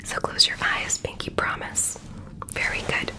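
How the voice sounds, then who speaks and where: A woman whispering soothing, deliberate instructions as a doctor in an ASMR roleplay.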